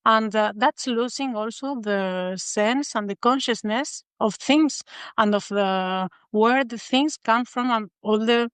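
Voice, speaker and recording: A woman from Spain with a Spanish accent, a guest in a podcast interview who speaks thoughtfully and fills her pauses with "uh". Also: on the high side, a bit bright, smooth, no room sound. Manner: thoughtful, many filler pauses. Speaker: guest designer.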